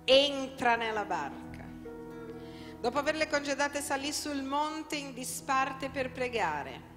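A woman pastor preaches with emphasis and often turns to her listeners with rhetorical questions. Her voice sits a little high, and a long reverb trails each phrase. Soft music plays faintly underneath. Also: animated, takes it slowly. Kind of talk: sermon. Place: church hall.

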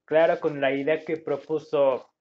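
A man with a Mexican Spanish accent talks his way through a game at an unhurried pace, drifting into asides and hunting for the right word. His voice sits a little high for a man. The sound is dull and lo-fi, as if caught on a phone. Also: flat delivery. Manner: rambling, searches for words, reads game words aloud. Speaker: gameplay commentator. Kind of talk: casual gameplay commentary.

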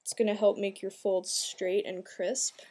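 At a measured pace and in a level tone, a young adult woman guides viewers through a craft one step at a time, her mid-range voice slightly mellow. She is a craft tutorial host speaking informally and plainly from a small room in her home. The amateur home video is clear, with background noise audible.

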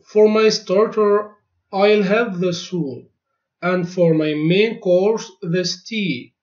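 A man teaching a language lesson, saying each short phrase twice in a clear, deliberate drill. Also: sits high, steady tone, darkish tone. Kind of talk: slow repeated phrase drill. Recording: dull lo-fi recording.

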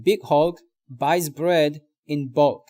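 A man teaching vocabulary in a recorded lesson, speaking straight to viewers and drilling slow example sentences. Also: on the high side, fairly even intonation, dark tone.

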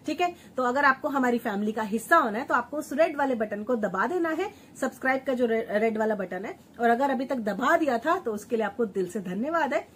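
Female beauty-tips vlogger, high voice, repeats words for emphasis, chats warmly like a sister. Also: expressive, brisk, few pauses, slight background noise. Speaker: home remedy vlogger, channel host. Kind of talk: chatty beauty tips vlog. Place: at home, grinding and sieving while she talks.

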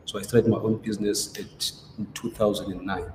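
Interviewed indoors at a gallery showroom via video call, a man from South Africa, a ceramic artist, recounts his story in a brisk, fairly low voice with little pitch movement. He hesitates and restarts many times in the conversation, and the sound carries a roomy echo with faint noise.

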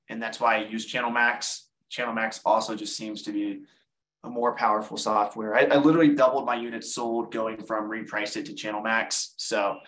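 A man's voice: medium pitch, a bit bright, low-quality recording. A man hosting a live online selling webinar, explaining things in a casual way, often restarting his phrases and taking questions from viewers. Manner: casual, repeats words while explaining. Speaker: online seller giving a webinar.

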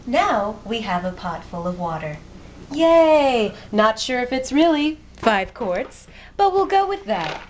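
A young adult woman with a fairly high, slow, slightly mellow voice and wide pitch swings narrates a playful cooking how-to in her small home kitchen. She's chatty, jokey and self-mocking, moving about as she cooks, and the moving handheld camera mic captures noisy home audio.

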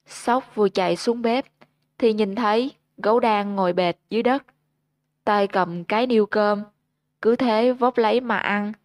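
A woman host narrating a ghost story in a steady, measured storytelling manner, on a close mic. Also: mid-range voice, no room sound.

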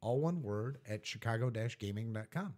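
A man's voice: mid-range voice, lively intonation, normal speed, darkish tone. A man talking as a guest on a live stream, matter-of-fact and plainspoken. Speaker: guest, sales director of a pinball maker. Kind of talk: casual chat on a live stream.

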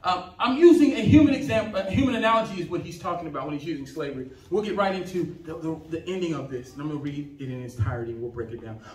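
A man's voice: a little high, racing, hardly any pauses. A male pastor preaching a sermon with impassioned, emphatic delivery, reading and explaining scripture in a church sanctuary. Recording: echoey church hall, distant mic.

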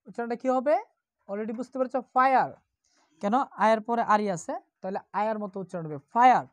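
A woman's voice: a little high, no room sound, studio quality. A woman teaching English pronunciation in a lesson. She spells out words letter by letter and asks questions that she answers herself. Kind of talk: spoken language lesson.

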